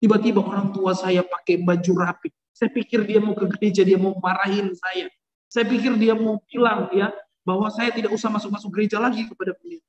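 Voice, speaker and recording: A man from Indonesia preaching an impassioned testimony, fervent, keeps speaking straight to the listeners, swinging between loud and soft. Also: sits high, reverberant, rough recording. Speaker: preacher giving a conversion testimony.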